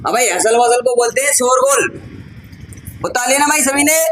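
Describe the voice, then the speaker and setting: High-voiced male teacher in a classroom. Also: moderate pace, a bit bright, slight background noise, poor audio. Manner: addresses students as "bhai" and "beta", asks frequent check questions. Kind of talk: classroom grammar lesson.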